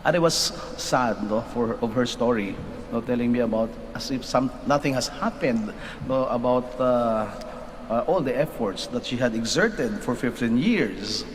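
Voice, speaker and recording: A Filipino man leads Mass in a measured, deliberate voice, often tagging his phrases with a questioning "no?". His words ring out with a long cathedral echo in a large church. A faint noise sits beneath the sound. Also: mid-range voice, animated. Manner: measured, deliberate delivery with frequent tag "no?". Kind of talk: Mass gospel reading and homily.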